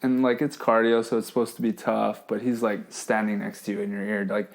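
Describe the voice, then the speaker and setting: A man's voice: fairly low pitch, flat delivery, fairly quick, vocal fry. A man hosting a podcast in casual chat, laid-back and laughing, often acting out what others said. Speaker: podcast host.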